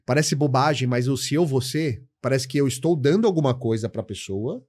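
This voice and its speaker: A middle-aged man as a podcast guest, telling client stories in a casual, lively way and acting out both sides of the conversations. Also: medium pitch, a little fast, no echo. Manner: animated storytelling, acts out client dialogues, says "cara" often. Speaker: guest, insurance educator.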